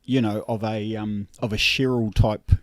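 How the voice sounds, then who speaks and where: A man's voice: fairly low pitch, level tone, moderate pace, no room sound. Blokey Kiwi man, close dry sound. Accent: broad Kiwi. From New Zealand. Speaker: podcast co-host. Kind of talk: casual chat.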